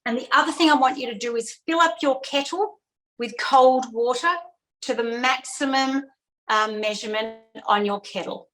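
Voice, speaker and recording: A chatty woman guides a cooking lesson over a video call, repeating the key steps with easy fillers. Her voice sits a little high. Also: normal speed, a bit bright, low-quality recording. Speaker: cooking class host.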